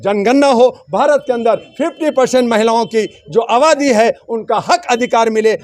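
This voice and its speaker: A man's voice: very high-pitched, a little mellow. A man in a heated political argument, firing one rhetorical question after another. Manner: combative, fires rhetorical questions. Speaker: interviewee defending his views.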